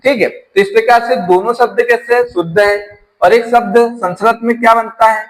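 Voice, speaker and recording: A man's voice: very high voice, steady tone, normal speed, slight background noise, rough recording. A man from teaching an exam-prep grammar lesson, explaining step by step and asking his class rhetorical questions.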